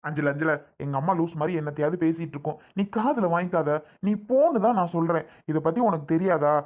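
A woman's voice: sits low, expressive, fast talker, a little mellow. A woman playing a protective young husband who argues with and pleads with his mother. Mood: dismissive. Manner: pleading and arguing, urgent. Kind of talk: family drama skit.

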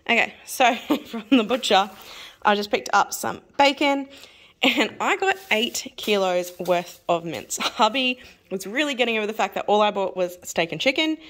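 A woman's voice: mid-range voice, a bit bright. Chatty Australian woman showing groceries. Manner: chatty, rambling, quick with little laughs. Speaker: family vlogger. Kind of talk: casual grocery haul vlog.

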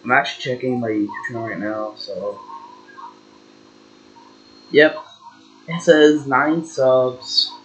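A man's voice: mid-range voice, slow pace, long pauses, a bit bright. A young man hosting his gaming channel, rambling casually with lots of fillers and hesitations. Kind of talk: casual vlog chat. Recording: dull lo-fi mic.

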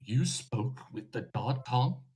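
Alarmed stone giant played by a man, insistent and slow, pitched up, tabletop fantasy. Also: animated, a little mellow, breathy edge, exaggerated voice. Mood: incredulous.

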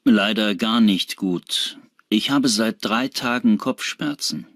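A man's voice: on the low side, slow, fairly bright tone, no room sound, clean studio sound, exaggerated voice. A man acting an unwell, subdued patient in a scripted language-exam dialogue. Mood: glum, unwell.

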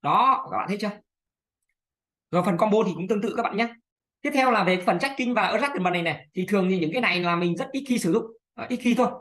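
Fast-talking woman giving a screen tutorial. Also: medium pitch, fairly bright tone. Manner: chatty, fillers, many "đây này" pointers. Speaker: video editing tutor. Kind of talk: screen-recorded software tutorial.

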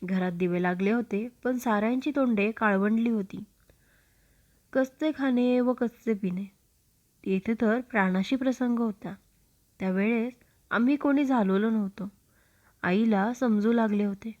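A woman storyteller reading a classic book aloud in a measured, expressive narration. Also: a little high. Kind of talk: literary narration. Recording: dull lo-fi recording.

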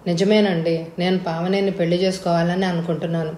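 A woman's voice: fairly low pitch, little pitch movement, a little fast, dark tone, roomy sound, slight background noise, close to an everyday voice. A woman voicing a polite, earnest young man in a spoken storybook.

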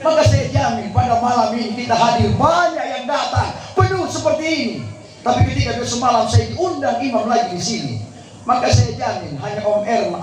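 A man with a Gorontalo accent preaching a humorous sermon to an audience, joking and breaking into chanted Quran recitation. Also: very high-pitched. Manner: jokey, animated, chanting recitation in between. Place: large tent venue with audience. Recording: echoey, distant crowd recording.

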